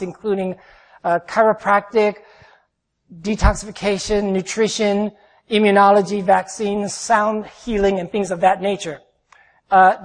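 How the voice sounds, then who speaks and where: A middle-aged man giving a live seminar in a large hall, talking in an emphatic, rambling way with frequent restarts, his voice ringing with a cave-like echo. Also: sits high. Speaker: seminar speaker. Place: large echoey lecture hall. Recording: echoey hall with long reverb.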